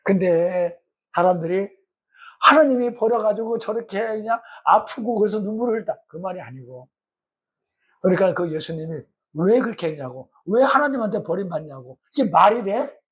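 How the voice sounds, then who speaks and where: A man's voice: high-pitched, lively intonation, moderate pace, a bit bright, slightly rough. A middle-aged man, a pastor teaching a Bible study in a colloquial way, acting out the voices he quotes.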